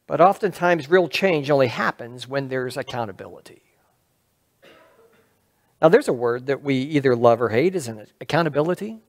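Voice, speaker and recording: A middle-aged pastor delivers a sermon at a lectern in the sanctuary, using a headset microphone. He talks at a moderate pace, his pitch animated and varied, and keeps shifting statements into questions aimed at the congregation in a conversational way.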